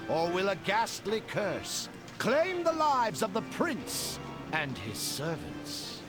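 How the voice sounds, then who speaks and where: A grandiose male master of ceremonies from a fantasy game. He declaims pompously in a high, sweeping voice at a stately pace, with loud orchestral music behind him. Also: heavily acted. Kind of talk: stage melodrama in a video game.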